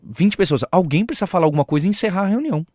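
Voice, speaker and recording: A man's voice: high-pitched, animated, very fast, darkish tone, dry recording, studio quality. A middle-aged man with a Brazilian Portuguese accent, speaking as a guest in a frank, reflective podcast conversation and acting out quoted dialogue. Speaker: guest, head of a school.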